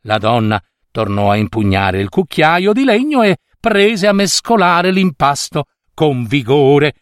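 A man tells a fairy tale with playful expression. His voice sits a little high and leaps up and down with the story. The room is dry and close. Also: sing-song, measured pace, no echo. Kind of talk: reading a fairy tale aloud.

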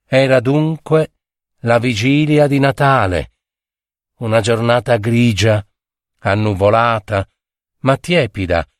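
A man narrating a literary short story in a measured, expressive reading on a close mic. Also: medium pitch, dry recording. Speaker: audiobook narrator.

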